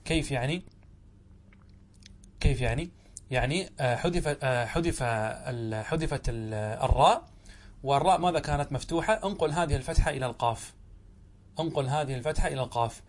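A man with a somewhat high voice gives a grammar lesson as a sheikh and works through a classical text. He puts questions to the class and then answers them. He draws out each example word slowly and repeats it.

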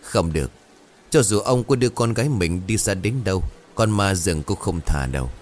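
A stern village shaman speaks gravely and firmly, as a male narrator voices him. His voice sits very low, and quiet music plays under this spoken tale. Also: expressive, moderate pace.

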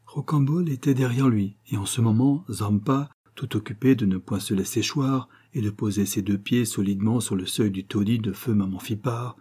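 A male audiobook reader narrates in a measured, even storytelling manner. His voice is dark and mellow, with a husky edge. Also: fairly low pitch. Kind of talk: scripted narration.

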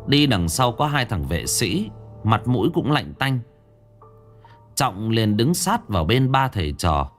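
Expressive man narrating a story. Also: fairly low pitch, measured pace, faint music behind. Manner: dramatic, expressive.

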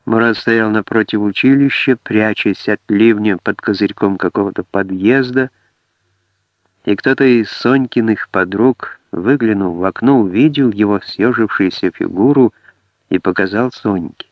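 Low-voiced man narrating an audiobook. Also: no room sound. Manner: measured storytelling. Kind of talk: scripted narration. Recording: dry, dull lo-fi audiobook.

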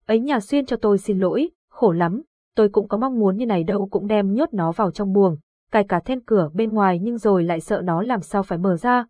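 Distraught old father, pleading, horror audiobook, woman narrator, husky voice. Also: medium pitch, fairly quick, warm tone, no room sound, lightly acted. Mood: anguished. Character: desperate old village father, grieving.

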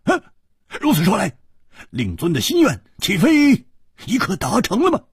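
A man's voice: sits high, wildly swooping pitch, normal speed, breathy edge, dry recording, clean studio sound, pitched above the performer's own voice, full character voice. A man voicing a hot-tempered young male swordsman who bursts out and stammers in a storybook tale. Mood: startled. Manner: loud, stammering outbursts.

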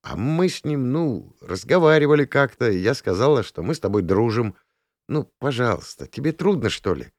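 A man putting on a young woman doctor who wheedles and pleads for a favor, her voice rising and dipping as she coaxes. The reader keeps it close to his own low voice, recorded dry and close. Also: big pitch swings, normal speed, dry recording. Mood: coaxing. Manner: coaxing, pleading.

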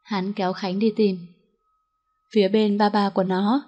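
A woman's voice: medium pitch, a little slow, lo-fi sound. A woman reading a story aloud as an audiobook narrator, voicing every character in the same voice. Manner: reads all characters in one even voice.

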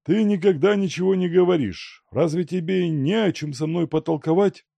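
A man's voice: high-pitched, normal speed, vocal fry, warm tone, no room sound, pitched above the performer's own voice. Man doing a fretful old father. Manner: fretful, pleading. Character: worried old merchant father, fussy and anxious.

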